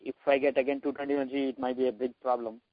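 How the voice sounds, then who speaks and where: A man's voice: medium pitch, flat delivery, fast talker, no room sound. A man from India with an Indian accent, calling in for advice in a hesitant, deferential way. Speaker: caller. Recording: dull, dry phone call.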